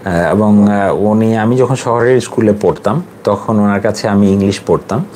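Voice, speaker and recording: A man in his forties with a Bangladeshi accent, an English teacher talking casually to his students, reflective and halting, with many fillers. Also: on the low side, darkish tone, a little hiss or hum. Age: 40s.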